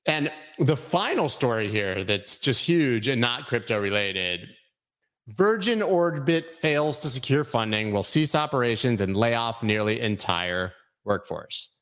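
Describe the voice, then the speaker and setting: A man's voice: mid-range voice, animated, measured pace, a bit bright. Rambling jokey man in his forties. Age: 40s. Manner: rambling, jokey, reads chat comments aloud. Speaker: crypto show host. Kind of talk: casual live-stream chat.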